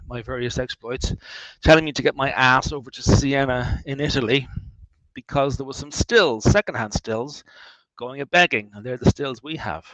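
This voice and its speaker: An Irish man in mid-range pitch guides listeners around his distillery, chatting with wry humour. His voice is close and dry, with little room sound. He restarts sentences often as he thinks aloud. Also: fairly bright tone, no room sound, low-quality recording. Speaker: distillery founder leading a tour. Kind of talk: guided tour talk, answering questions.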